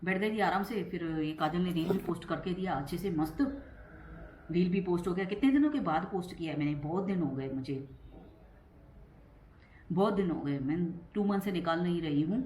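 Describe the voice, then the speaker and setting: A middle-aged woman chatting in a casual home vlog; she talks fast, trips over her words and laughs often. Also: on the low side, a little mellow, roomy sound, slight background noise. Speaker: vlogger.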